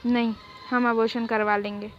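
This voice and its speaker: A woman's voice: fairly high pitch, level tone, moderate pace, natural voice. A woman voicing a young husband who is possessive at first, then devoted and pleading, in a fan-made story, recorded on dull lo-fi audio with faint noise. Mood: insistent. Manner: pleading, insistent.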